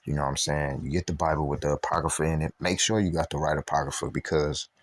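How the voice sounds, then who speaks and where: A man with an extremely deep, husky voice talks through a Bible lesson in loose street slang, full of fillers and asides. When he reads scripture he slows down and trips over the archaic words. The recording is dry and close, with no room sound. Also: steady tone, no echo. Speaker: Bible teacher. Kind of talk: casual Bible study talk.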